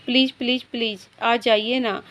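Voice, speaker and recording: A woman's voice: on the high side, fairly even intonation, moderate pace, a bit bright. A woman voicing an affectionate young fiancée in a storybook tale, speaking in a sweet, coaxing way.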